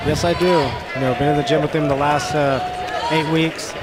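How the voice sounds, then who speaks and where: A man's voice: a little high, fairly even intonation, normal speed, heavy background noise. A man giving casual, conversational boxing commentary as an analyst. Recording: roaring arena crowd behind.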